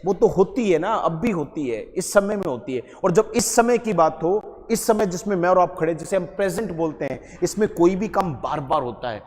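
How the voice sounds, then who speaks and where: A man teaching an English grammar lesson to a class, lively and quizzing his students with repeated questions. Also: high-pitched, normal speed, long reverb tail. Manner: lively, quizzing students, calls them beta.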